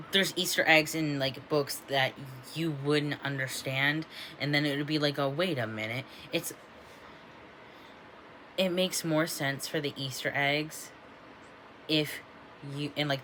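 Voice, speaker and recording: A man's voice: medium pitch, sharp tone, a little hiss or hum, poor audio. A young man of about twenty chatting casually in a book vlog, rambling with lots of ums and restarts. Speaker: book vlogger. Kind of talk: casual bookish vlog chat.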